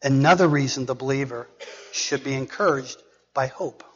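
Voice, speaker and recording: Husky man preaching in a reverberant hall. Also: mid-range voice. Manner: earnest, reading scripture aloud with pauses. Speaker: pastor. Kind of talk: sermon. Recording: dull recording with long reverb.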